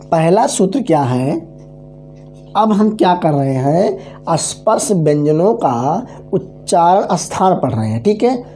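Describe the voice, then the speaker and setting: Slow, mellow-voiced male grammar teacher. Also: sits high, very animated, slight background noise. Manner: drills syllables slowly, keeps checking understanding; repeats mnemonic formulas aloud. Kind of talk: online exam-prep grammar lesson.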